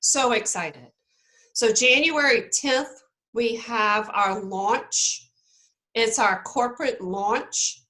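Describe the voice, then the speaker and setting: A woman's voice: fairly high pitch, slow pace, pushed and bright, low-quality recording. A woman leading a team meeting on a video call, upbeat and coaching, checking in with her listeners often. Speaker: network marketing team leader.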